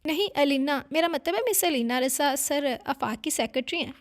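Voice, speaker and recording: A woman's voice: high voice, lively intonation, normal speed. A woman narrator voicing a flustered, talkative young woman secretary in a romance story read aloud.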